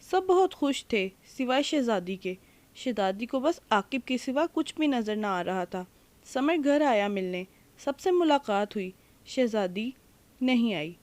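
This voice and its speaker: A woman's voice: a little high, expressive, a little mellow. A woman reading an emotional moral story aloud, voicing every character's lines in her own voice. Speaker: narrator.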